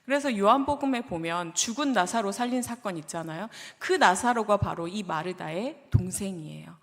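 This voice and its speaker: A woman pastor from Jeolla preaches in a gentle storytelling way. She often turns to the congregation with questions. Her mid-pitched voice rings through the long reverb of a church sanctuary. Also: lively intonation, moderate pace. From Jeolla, South Korea. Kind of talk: sermon.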